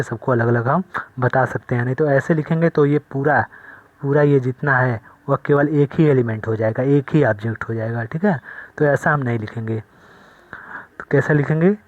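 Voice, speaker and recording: Guy teaching a math class, goes slow and keeps asking if you got it, super dry close sound. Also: medium pitch, no room sound, muffled recording. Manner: slow, repetitive explaining with frequent check-ins. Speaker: maths teacher. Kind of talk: whiteboard maths lesson.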